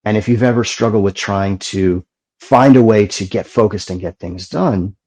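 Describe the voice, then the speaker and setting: A middle-aged man, a meditation teacher, guiding breathing in a slow, calm way and then explaining the practice. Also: lowish voice, poor audio. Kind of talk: guided meditation and talk.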